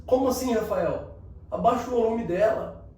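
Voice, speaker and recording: A man's voice: very high voice, moderate pace, a little mellow. A man giving an emphatic motivational talk, speaking straight to the listener. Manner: emphatic, coaching the listener directly. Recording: very echoey room, distant mic, faint ambience.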